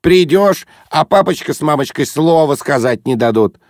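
Male reader voicing a loud, pushy, mocking man, high and bouncy, gravelly edge. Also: animated, moderate pace, dry recording, studio quality. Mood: cheeky, brash. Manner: boisterous, teasing, shouty bursts.

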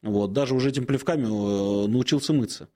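A man in his forties, an Orthodox priest on a call-in show, speaks at medium pitch. He answers slowly, with many hesitant pauses, offering gentle advice.

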